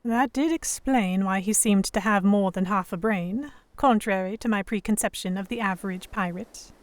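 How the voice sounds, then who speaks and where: A woman with a mid-range, lightly acted voice speaks at normal speed with no echo, narrating an audio drama as its lead voice actor. She plays a defiant, sarcastic young Victorian English noblewoman held captive, using sardonic, formal first-person narration in a tense mood.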